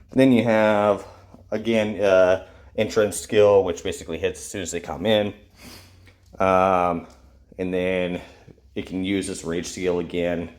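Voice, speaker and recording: A man's voice: low-pitched, a little mellow. A man with a stuffy nose from a cold, casually reading out and judging game character skills with many fillers. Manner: reads skill text aloud with fillers. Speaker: game reviewer. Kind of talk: casual gameplay commentary.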